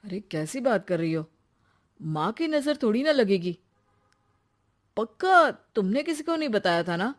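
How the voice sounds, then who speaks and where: A woman voicing a young married man in a cartoon, a son and husband with a quick temper. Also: medium pitch, very animated. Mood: plain.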